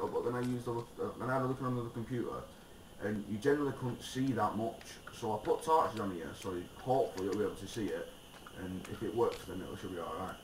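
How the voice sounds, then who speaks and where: A man giving gameplay commentary, rambling and swearing, with sudden excited shouts. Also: fairly low pitch. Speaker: gaming video creator. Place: room at a computer. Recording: roomy, distant mic, loud keyboard noise.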